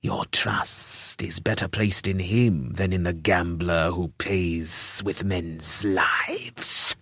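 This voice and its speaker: A man voicing a short, robed, fanatical priest who speaks with a lisp in a hushed, whispery way. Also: low-pitched, steady tone, slow, breathy edge, dry recording, studio quality, full character voice. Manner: hushed, whispery, distant delivery.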